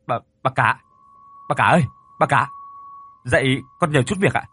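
A man's voice: medium pitch, normal speed, pushed and bright, a little hiss or hum, natural voice. A man voicing two frightened young male servants who stammer and plead in a horror story. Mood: nervous.

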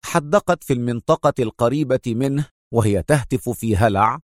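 A man reading dramatic audiobook narration in a measured storytelling way. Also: medium pitch, no room sound, clean studio sound.

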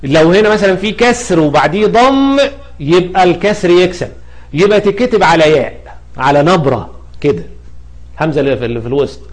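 Speaking fast and animatedly, this slightly high-voiced man teaches spelling rules in an Egyptian Arabic accent. His grammar lesson moves one step at a time as he poses questions and supplies the answers himself.

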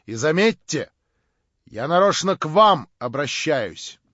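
A man's voice: fairly high pitch, big pitch swings, takes it slowly, fairly bright tone, no echo, lo-fi sound, full character voice. A man reading an audiobook, voicing an insistent young schemer who presses others with raised questions.

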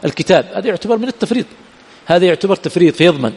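Fast-talking sheikh lecturing in a reverberant hall. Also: male voice, high-pitched, animated, darkish tone, slightly rough. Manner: keeps asking "what?" and filling in the answer himself. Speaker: sheikh teaching Islamic jurisprudence. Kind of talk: lecture with call-and-response questions. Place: teaching center hall.

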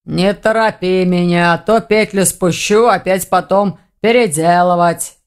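A woman voicing a gruff old male orc armorer in an audiobook, slow and grumbling with a hoarse low voice. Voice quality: hoarse bass. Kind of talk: audiobook reading.

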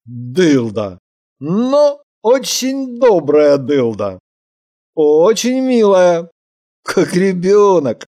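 A woman voicing a stubborn, touchy man in a slow, deliberate, sulky way. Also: on the low side, big pitch swings, mellow, exaggerated voice. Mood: tender.

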